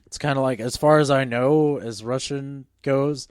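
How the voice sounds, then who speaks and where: A man's voice: medium pitch, fairly even intonation, normal speed, darkish tone, smooth, dry recording, studio quality. A man co-hosting a movie podcast, chatting casually in a laid-back way. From Dakotas, United States. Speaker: podcast co-host. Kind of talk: casual chat.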